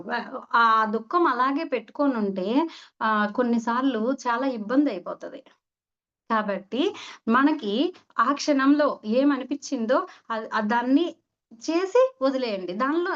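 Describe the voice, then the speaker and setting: A woman's voice: fairly high pitch, fairly bright tone. A woman meditation teacher giving a conversational spiritual talk, acting out little dialogues as she teaches. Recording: dull lo-fi recording.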